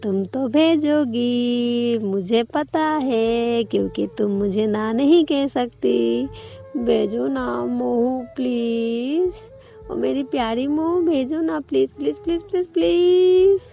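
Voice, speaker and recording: A woman's voice: fairly high pitch, takes it slowly, gravelly, pitched above the performer's own voice. A woman voicing a teasing, clingy young woman in love who pleads and coaxes playfully. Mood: pleading. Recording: lo-fi with faint background music.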